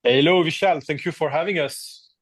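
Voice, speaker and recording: A man who grew up in Africa, an aviation executive, is a guest in a podcast interview, answering hesitantly while searching for words, with frequent fillers and restarts. His voice is fairly high-pitched at a moderate pace, and the recording has no echo.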